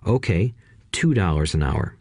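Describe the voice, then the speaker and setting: Man doing deep-voiced sly rich mentor, teasing and lecturing, audiobook. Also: lively intonation, unhurried, creaky, darkish tone, husky, no echo, clean studio sound, exaggerated voice. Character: older wealthy male mentor, sly and teasing.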